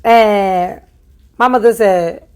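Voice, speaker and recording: A young woman from New tells a personal storytime in loose, animated chat. She slips into the voices of the people she quotes and laughs at her own mistakes. Her voice sits at a middle pitch. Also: slow, clear, resonant tone. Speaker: vlogger telling a life story. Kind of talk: casual storytime.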